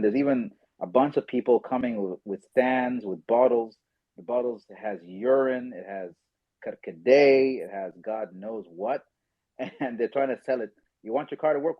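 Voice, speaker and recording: Husky-voiced man hosting a podcast. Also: fairly low pitch, no room sound. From South Sudan. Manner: animated, swearing, talks over others. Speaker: podcast host. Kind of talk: casual chat. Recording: muffled lo-fi call audio.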